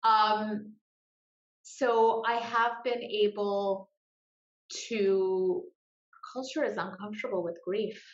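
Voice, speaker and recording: A woman speaking earnestly and emotionally as a guest in an interview, with pauses and repeated words. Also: mid-range voice, fairly even intonation. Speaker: guest, grief support group founder. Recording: roomy, dull lo-fi sound.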